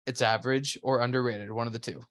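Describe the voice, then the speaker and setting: A man co-hosting a casual podcast, handing out short, blunt verdicts packed with slang. His voice sits at a middle pitch. The sound is dry and close to the mic. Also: steady tone, fast, no echo. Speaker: podcast co-host. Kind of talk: casual chat.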